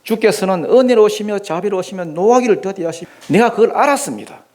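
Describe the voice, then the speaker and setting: Pastor acting out a resentful prophet, complaining, rising lively pitch, somewhat high voice. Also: male voice, quick pace. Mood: indignant. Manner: complaining, aggrieved. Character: indignant prophet Jonah, resentful grown man. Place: church.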